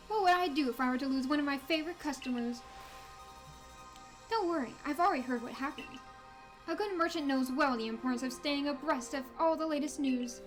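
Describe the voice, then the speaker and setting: Woman voicing a smooth-talking, high-voiced travelling merchant. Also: natural voice. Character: sly, obliging male travelling merchant from a fantasy game. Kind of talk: reading game dialogue in character.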